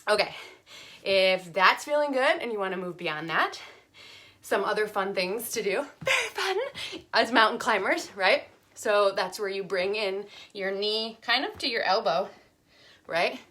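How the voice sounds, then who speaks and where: A woman's voice: mid-range voice, unhurried, sharp tone. Young female fitness instructor, casual, filler-heavy, slightly winded mid-workout. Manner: chatty, many fillers, counts aloud while demonstrating. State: slightly out of breath while exercising. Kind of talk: casual exercise demonstration.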